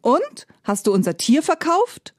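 A sharp-tongued farmer's wife, all prodding questions and scolding, as a woman storyteller puts her on. The voice leaps high and lively. The recording is close and dry. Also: unhurried, no echo, heavily acted. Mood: probing.

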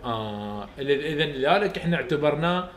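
A man's voice: a little high, lively intonation, fairly quick. Iraqi man teaching in an echoey room. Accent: Iraqi Arabic. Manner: explains step by step, repeats sounds aloud for students to copy. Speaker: university English phonetics teacher. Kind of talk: recorded lecture for students.

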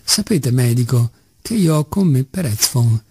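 A man's voice: mid-range voice, animated, measured pace, warm tone, slightly rough. A man reading the part of an insolent, mocking teenage schoolboy in an audiobook. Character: defiant cheeky schoolboy, teenage.

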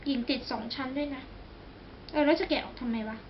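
A high-pitched young woman chats her way through a casual makeup tutorial at home, full of exclamations and jokes at her own expense. The recording sounds a little dull, with a faint hiss behind her. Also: brisk. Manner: chatty, exclamatory, self-mocking, talks straight to viewers. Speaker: beauty vlogger. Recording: slightly dull recording with faint background noise.

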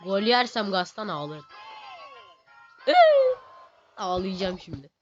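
High-pitched guy hyping up his match, repeats words fast, kinda dull low-fi sound. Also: over loud music. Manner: excitable, teasing, chants words in rapid repeats. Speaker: gaming channel host. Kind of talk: casual gameplay commentary. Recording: slightly dull lo-fi recording.

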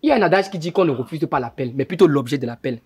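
Man as a pompous self-appointed family chief, quick sermonizing delivery, dry sound. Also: on the high side, expressive, darkish tone, breathy edge, no echo, exaggerated voice. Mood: lecturing. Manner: preachy, sermonizing, keeps adding "hein?". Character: self-important young man posing as family head. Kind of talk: web series drama acting.

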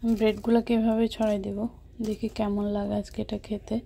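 A woman's voice: medium pitch, flat delivery, normal speed, gravelly, warm tone, slight background noise. A young woman, vlogging from her home kitchen and chatting through each cooking step. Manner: chatty, explains each step as she cooks. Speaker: vlogger and mother. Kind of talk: casual home vlog narration.

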